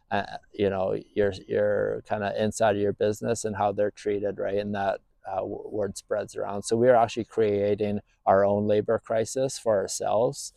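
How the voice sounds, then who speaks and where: A man's voice: on the low side, creaky, mellow, no room sound. A man in his thirties from Northern Ireland telling his story as a business owner, plain-spoken with lots of fillers. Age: 30s. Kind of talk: casual personal story to camera.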